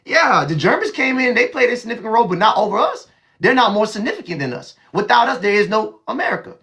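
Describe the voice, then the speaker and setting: Brash, bright-voiced male host. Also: high voice, sing-song, fast talker. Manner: brash, mocking, profane, cuts callers off. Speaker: host of live call-in discussion. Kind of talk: heated live panel talk.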